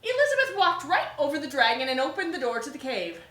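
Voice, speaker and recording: A woman teacher reading a picture book aloud to young children, gentle and expressive, with little asides. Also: high-pitched, fast. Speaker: preschool teacher. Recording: echoey room.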